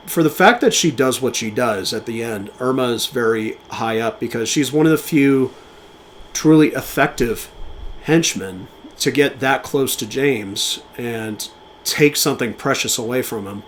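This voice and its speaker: A man co-hosting a podcast, speaking casually and with enthusiasm about film, with fillers and quick restarts. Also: mid-range voice, slight background noise. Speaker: podcast co-host.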